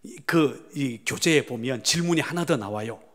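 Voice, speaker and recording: A man preaching a sermon as pastor. He swings between loud exclamations and hushed whispers and prods the congregation to answer him. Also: medium pitch, lively intonation, normal speed. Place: church sanctuary. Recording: long church hall reverb.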